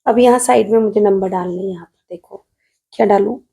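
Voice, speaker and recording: A woman's voice: medium pitch, fairly quick, vocal fry, warm tone. A woman math teacher with a Rajasthani Hindi accent, patiently solving an exam paper on video while writing at a desk and calling her students "beta".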